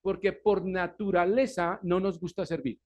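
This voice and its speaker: During a church service, a male pastor preaches a Sunday sermon, posing questions to the congregation and answering them himself. His high voice keeps a fairly even intonation at a moderate pace while swinging between loud emphasis and quiet asides.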